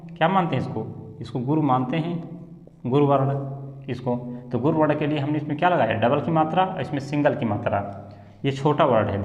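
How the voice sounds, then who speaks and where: A man's voice: on the high side, a little mellow. A man teaching a class at a board, who asks questions and answers them himself. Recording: echoey room, dull lo-fi sound.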